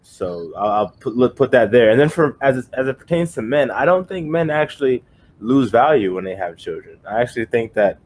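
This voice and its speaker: A man's voice: mid-range voice, lively intonation, a little fast, darkish tone. A young man co-hosting a podcast, giving his opinions in a rambling, casual way with many fillers and restarts. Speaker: podcast co-host.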